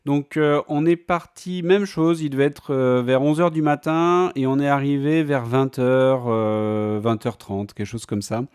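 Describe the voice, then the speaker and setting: A man's voice: mid-range voice, fairly even intonation, a little slow, hardly any pauses, a little mellow, smooth. A man talking casually in a vlog, chatty and full of fillers and restarts. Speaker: vlogger.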